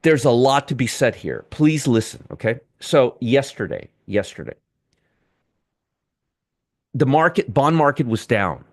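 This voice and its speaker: A man's voice: mid-range voice, lively intonation, unhurried, pauses often, no room sound, clean studio sound. Repetitive male trading-stream host. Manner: repetitive, talks to chat viewers by name. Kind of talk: live market commentary with chat.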